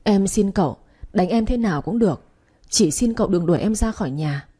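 A woman's voice: medium pitch, lively intonation, a little fast, dark tone, husky. A woman voicing a scheming young maidservant who begs tearfully in an audio story. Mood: begging. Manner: pleading, tearful. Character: scheming young female servant, pleading.

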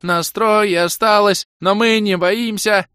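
A man's voice: on the high side, animated, dry recording, clean studio sound, voice pushed up, close to an everyday voice. A man voicing a tearful bald male elf who sighs and drags out his words. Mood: off-key singing. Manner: sighing, drawn-out, off-key singing.

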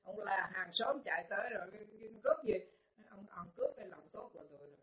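A male Buddhist monk tells folksy stories in a dharma talk, often repeating words and stopping on fillers. His voice sits high. The recording is roomy and muffled. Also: expressive, fast talker, a crowd in the background. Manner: folksy, repetitive, hesitant with fillers.

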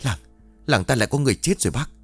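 A man's voice: medium pitch, animated, fairly quick, no echo, lightly acted. A scared young villager, out of breath, stammers and pants through his report, as a male narrator acts him out. The voice rises and falls widely, recorded dry and close, with faint music in the background. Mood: panicked, breathless.

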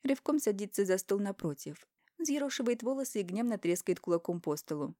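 A woman's voice: mid-range voice, expressive, fairly quick, mellow, no echo, studio quality. A woman narrating an audiobook in the first person, with an emotional, confessional reading.

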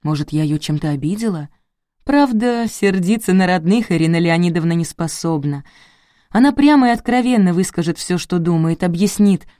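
A woman narrating a first-person audiobook in a lively, ironic storytelling manner. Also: on the low side, moderate pace, no room sound, clean studio sound.

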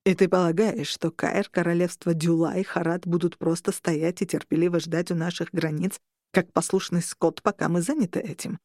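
A woman voicing a furious male vampire lord-marshal who growls and shouts his lines. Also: lowish voice, fairly even intonation, normal speed, no room sound, clean studio sound, pitched below the performer's own voice.

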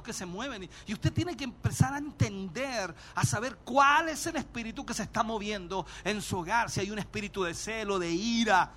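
High, bright-voiced preaching pastor. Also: male voice. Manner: emphatic, often shouting, acts out little scenes. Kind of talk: sermon.

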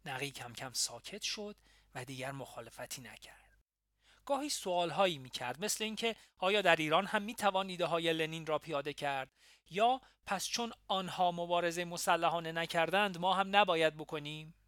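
A man narrating a first-person memoir audiobook in a steady, reflective way. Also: a little high, dry recording, clean studio sound.

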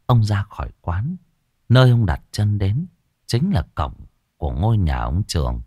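A low-voiced man reads a ghost story with dramatic, lively swings of pitch. The sound is dry and close to the mic. Faint music plays underneath. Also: measured pace, dry recording. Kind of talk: scripted story narration.

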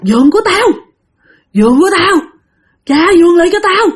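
A woman voicing a hoarse, wailing female ghost who demands her bed back. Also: extremely high pitch, big pitch swings, a little fast, voice pushed up. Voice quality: hoarse, harsh.

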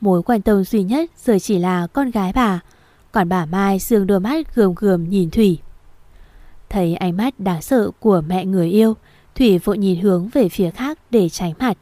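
Woman narrator for an audio novel, steady even reading, mellow dry tone. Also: mid-range voice, moderate pace, no room sound.

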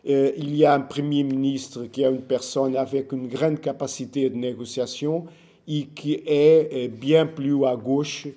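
A man, a native Portuguese speaker, gives an informal talk in Portuguese-accented French, halting as he searches for words and repeats himself. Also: medium pitch, steady tone, dark tone. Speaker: speaker giving a political overview.

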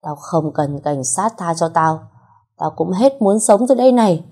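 A woman's voice: deep voice, fairly even intonation, a little slow, husky. Woman playing a crazed vicious kidnapper woman. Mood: menacing. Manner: snarling threats.

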